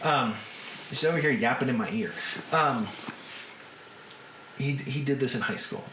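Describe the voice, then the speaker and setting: A man with a Southern US accent chatting casually to livestream viewers as host, in an unhurried drawl with drawn-out words. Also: mid-range voice. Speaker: host of a live reading stream. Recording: roomy echo, faint background noise.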